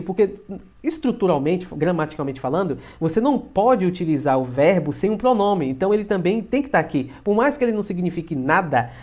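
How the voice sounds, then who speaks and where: A man with a Brazilian Portuguese accent, an English teacher explaining grammar casually, often adding little tag questions and slowing down for example sentences. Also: a little high, a little mellow.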